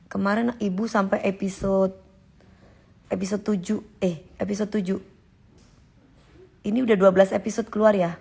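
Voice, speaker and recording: A woman, hosting a live stream. Her mid-range voice has a gravelly, fry-tinged edge. She answers viewer comments in an emphatic, chatty way. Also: mid-range voice, little pitch movement, moderate pace, long pauses, warm tone. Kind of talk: casual live-stream chat.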